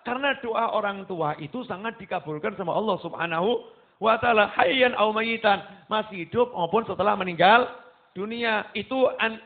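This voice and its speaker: A man with a Javanese accent preaching a sermon to a gathering, animated and acting out voices as he goes. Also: high-pitched. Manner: animated, mixing Javanese into his talk, acting out quoted voices. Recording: tinny phone-like sound.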